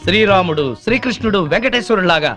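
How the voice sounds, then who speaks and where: A man's voice: high voice, lively intonation, fast, pushed and bright, faint music behind. A man giving a grand, mock-heroic comic speech in a film scene. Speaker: comic actor playing a devoted husband.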